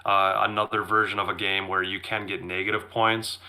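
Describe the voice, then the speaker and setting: A man with a low voice chats enthusiastically on a podcast, his voice going hoarse as he loses it. His tone is strong and forceful, and he clears his throat and restarts phrases often. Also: little pitch movement, fairly quick. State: losing his voice. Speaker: podcast co-host. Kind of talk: casual chat.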